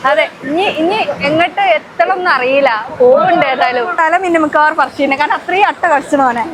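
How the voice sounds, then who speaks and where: A high-voiced woman gives casual vlog commentary on a noisy outdoor recording. She is exclamatory and drops English words into her Malayalam. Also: fast. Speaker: travel vlogger. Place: mostly outdoors on a trek.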